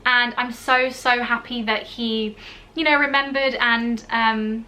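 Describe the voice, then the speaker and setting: Speaking slowly in a higher, pushed, bright voice with a steady tone, this vlogger tells a personal story to camera. She's a young woman born in Italy who grew up in the UK, and she gushes casually, sprinkling in fillers such as "you know".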